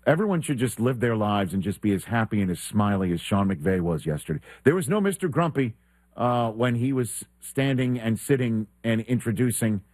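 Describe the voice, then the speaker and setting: A man's voice: lowish voice, darkish tone, no room sound. A middle-aged man hosting a sports talk show in a studio, chatty and laughing often, with plenty of ums and uhs. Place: radio studio.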